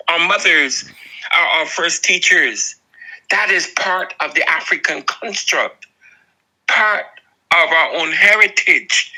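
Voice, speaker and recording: A man's voice: a little high, sharp tone, low-quality recording. A man with a Barbadian accent delivering an earnest, impassioned moral address, pleading with his listeners. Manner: slow, earnest, preaching with pleading appeals. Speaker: video essayist.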